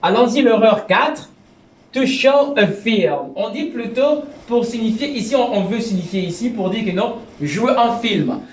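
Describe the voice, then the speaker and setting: A man teaching English in a video lesson, repeating phrases and slowing down for his English examples, with stammers and restarts. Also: very high voice, lively intonation, roomy sound.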